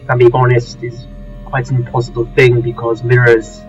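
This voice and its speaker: A man's voice: mid-range voice, completely flat delivery, fairly quick, close to an everyday voice. Man role-playing long-lived showman, fussy, mild, florid wording, tabletop game, off-mic, faint music behind. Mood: fussy, conciliatory. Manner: florid, old-fashioned wording with hesitant restarts. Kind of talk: in-character tabletop role-play. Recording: distant, muffled mic with music underneath.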